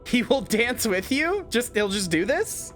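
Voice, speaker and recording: Guy streamer chatting about game lore, lots of uhs and swears, soft music under. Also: very high-pitched, sing-song, unhurried. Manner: rambling, full of fillers, swears and loud outbursts. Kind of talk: casual gameplay commentary.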